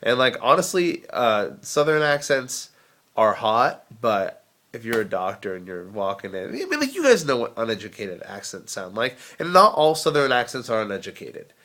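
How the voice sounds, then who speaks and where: A man's voice: mid-range voice, very animated, moderate pace, a bit bright. A young man with a head cold, vlogging in a casual, rambling way and making sarcastic jokes. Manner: sarcastic, jokey, riffs in mock voices.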